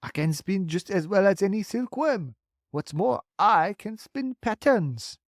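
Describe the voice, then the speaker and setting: A storybook reader voicing a frightened, proud female spider with high, anxious cries. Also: animated, unhurried, dry recording, clean studio sound. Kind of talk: audiobook character voice.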